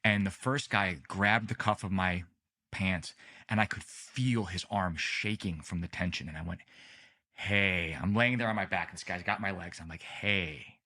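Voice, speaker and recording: Man, late thirties, slightly low voice, relaxed storyteller, podcast guest, frequent restarts. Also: normal speed. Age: late 30s. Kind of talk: casual storytelling interview.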